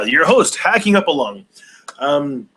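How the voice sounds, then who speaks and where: A man's voice: a little high, very animated, takes it slowly, bright, forceful tone, slightly rough, low-quality recording. A man in his forties hosting a casual live stream Q&A, rambling with many hesitations and restarts. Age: 40s.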